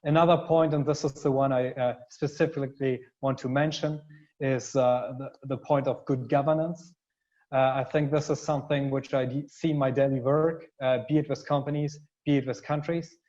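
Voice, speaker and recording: A man's voice: mid-range voice, fairly even intonation, normal speed, a little mellow. Hesitant man on a dull call line. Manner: hesitant, many fillers and restarts. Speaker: panelist, consultancy CEO. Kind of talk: webinar panel remarks.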